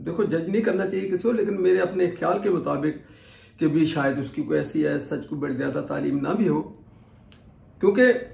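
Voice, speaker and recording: A man's voice: on the high side, brisk, creaky, darkish tone. A middle-aged man telling a casual vlog story, chatty and digressive, often restarting his sentences. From Pakistan. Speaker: vlogger. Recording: echoey room.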